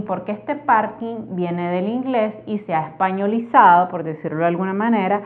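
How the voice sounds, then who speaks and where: A woman with a Latin American Spanish accent, teaching a language lesson and explaining each point clearly and methodically with examples. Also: mid-range voice. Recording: narrow phone-like audio.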